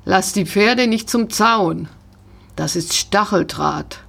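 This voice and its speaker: A woman's voice: mid-range voice, slow pace, vocal fry, fairly bright tone, husky, full character voice. A woman reading a firm, friendly riding instructor. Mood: instructing. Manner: instructive, giving commands.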